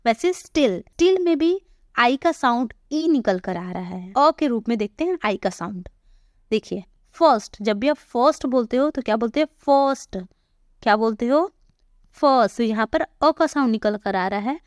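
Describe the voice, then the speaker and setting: A woman with a fairly high voice gives a pronunciation lesson, close to the mic in a dry, dead room. She talks patiently and says each example word slowly, more than once, then asks a question and answers it herself. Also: lively intonation, no echo. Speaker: English teacher. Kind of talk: spoken English pronunciation lesson.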